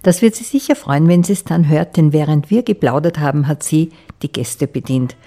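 A woman's voice: low voice, expressive, normal speed, warm tone. A woman with an Austrian accent, a local radio reporter asking chatty, friendly interview questions. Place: restaurant dining room.

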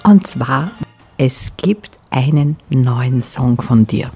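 On a radio broadcast, a woman with an Austrian accent hosts a lively, casual interview in a playful, colloquial manner, with music playing behind her. Her voice is very deep, gravelly, and dark with a breathy edge. She speaks slowly but with lively intonation.

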